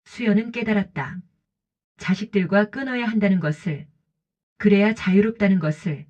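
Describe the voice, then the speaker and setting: A woman narrating a scripted audiobook in short, calm, even sentences. Her voice is dark and mellow, with a slightly husky edge. The recording sounds dull and lo-fi. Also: mid-range voice, normal speed.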